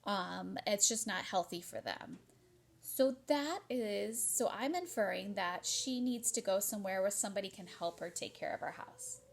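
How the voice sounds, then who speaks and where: Reading aloud to kids, this teacher explains things expressively and keeps prompting her young audience as she goes. She has a mid-range voice with vocal fry and speaks at a normal speed.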